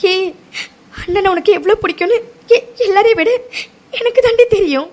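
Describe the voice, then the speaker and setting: A woman voicing a very high, anxious young sister. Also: moderate pace, darkish tone. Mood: upset, questioning. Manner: pressing questions, emotional. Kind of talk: cartoon voice acting.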